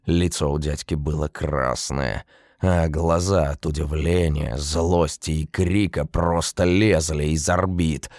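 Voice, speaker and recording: A man narrating a story in an even, unhurried reading. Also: rumbling low, no room sound. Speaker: audiobook narrator. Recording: dry close recording.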